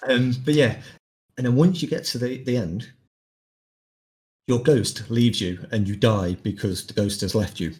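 A man's voice: mid-range voice, a little slow, pauses often. A man co-hosting a podcast, casually retelling stories with plenty of ums. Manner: relaxed storyteller, uses lots of fillers. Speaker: podcast co-host. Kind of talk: casual chat.

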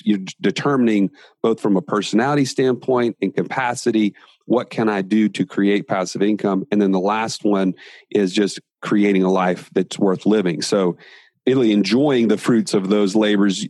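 Low-voiced man explaining in a dry interview. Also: fairly even intonation, normal speed, darkish tone, dry recording. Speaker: guest entrepreneur.

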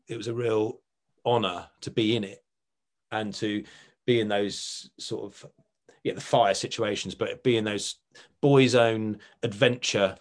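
Chatty middle-aged Essex man. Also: on the low side. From Essex, England. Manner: chatty, rambling, self-correcting. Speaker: actor and writer being interviewed. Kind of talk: casual reminiscing.

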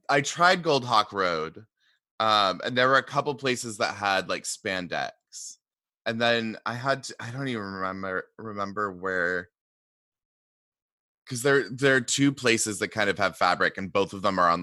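A man's voice: fairly low pitch, a little slow, pushed and bright, no room sound, studio quality. A man, chatting casually as he interviews a guest. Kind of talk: casual chat.

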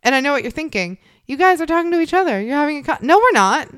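An American woman with vocal fry, chatting casually and jokily as a podcast co-host, animated and sweary. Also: high-pitched, quick pace, no room sound, clean studio sound. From United States, Chicago area. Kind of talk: casual, joking true-crime podcast chat.

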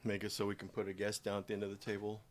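An older man co-hosting a podcast, talking in a laid-back, teasing way. His voice sits very low. A faint hiss runs under the recording. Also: completely flat delivery, rapid-fire. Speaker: podcast co-host, stepdad. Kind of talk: casual chat.

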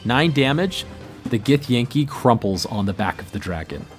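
Man, game master, medium-pitched voice, improvised tabletop narration, faint music behind. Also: expressive, normal speed.

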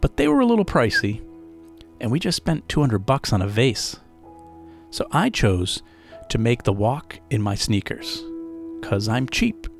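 A man's voice: mid-range voice, wildly swooping pitch, measured pace, gravelly, pauses often, faint music behind. A man narrating a first-person story as a podcast host, in a casual, chatty way with asides to the listener.

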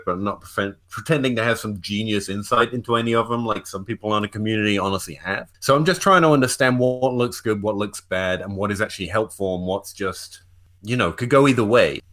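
A man talks casually as a guest analyst on a sports podcast. His voice is a little low in pitch but has a bright, forceful edge, and his manner is self-deprecating.

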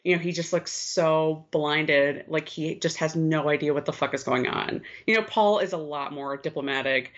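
A woman co-hosting a podcast, telling the story in a candid, expressive, casual way and swearing freely. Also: low voice, moderate pace, hardly any pauses. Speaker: podcast co-host. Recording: slightly muffled lo-fi sound.

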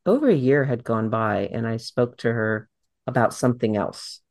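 Lively low-voiced woman podcast host. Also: normal speed, dry recording, studio quality. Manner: animated, acts out quoted voices. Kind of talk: conversational podcast interview.

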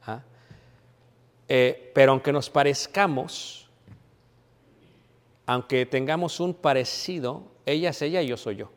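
A man's voice: a little slow, long pauses. A man preaching a sermon, emphatic, asking questions and answering them himself. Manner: emphatic teaching, asks and answers his own questions; drops to a quiet, low voice when telling a personal story. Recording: hall with long reverb.

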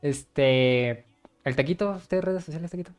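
Podcast host, Mexican, medium pitch, casual and foul-mouthed banter, music underneath. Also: a little slow, a little mellow. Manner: slangy, sweary. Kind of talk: casual, crude joking podcast chat. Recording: music behind the voice.

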